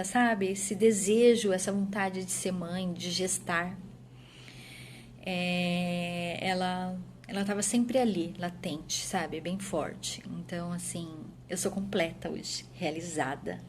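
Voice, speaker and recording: A woman with a somewhat low voice tells her story as a mother, answering questions in a personal testimony. She talks earnestly and lets her phrases fall softer at their ends. There is a faint hum behind her.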